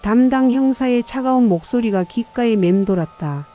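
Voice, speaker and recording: An older woman narrating a first-person audiobook story in a measured, somber way. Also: a little high, dark tone.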